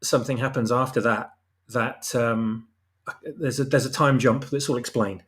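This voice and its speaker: Here a man with a mid-range voice and fairly even intonation talks at a moderate pace. As guest writer on a fan audio drama, he chats about his own story in a casual, hesitant way, groping for words.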